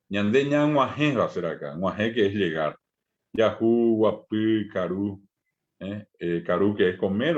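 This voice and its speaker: Patient Paraguayan man teaching slowly. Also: on the low side. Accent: Paraguayan Spanish. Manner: patient, repeats words slowly for learners, frequent "eh" fillers. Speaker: Guaraní language teacher. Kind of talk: online language lesson. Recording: dull lo-fi audio.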